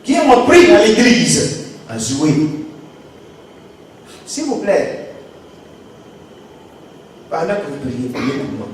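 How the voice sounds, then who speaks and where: A man's voice: fairly high pitch, wildly swooping pitch, slow, pauses often, slight background noise. A man preaching a sermon as pastor, emphatic and given to repeated rhetorical questions. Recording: echoey hall, voice far from mic.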